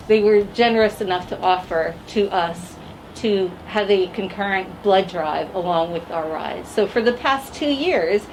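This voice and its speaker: A woman's voice: medium pitch, a little hiss or hum, poor audio. A woman giving a heartfelt, earnest speech while presenting and accepting an award. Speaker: award recipient.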